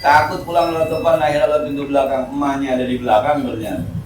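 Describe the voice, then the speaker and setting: Man, Jakarta Betawi accent, informal mosque sermon, lively swings in loudness, echoey hall, faint room hum. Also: medium pitch, quick pace. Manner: lively, jokey, swings between loud and soft. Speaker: ustadz giving a mosque study lecture. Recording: echoey hall, speaker far from mic.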